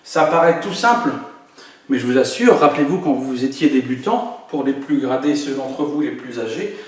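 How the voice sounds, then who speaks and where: A man's voice: medium pitch, animated, moderate pace. A man teaching an online karate class, explaining moves and counting out drills for his students. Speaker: karate instructor. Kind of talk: online workout class instruction. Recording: very echoey room, voice from far off.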